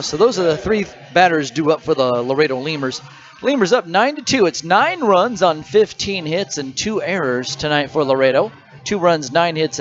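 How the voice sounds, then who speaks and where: A man announcing a baseball game play-by-play, reading stats and scores between pitches in a conversational way. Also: highs cut off. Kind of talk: radio baseball commentary.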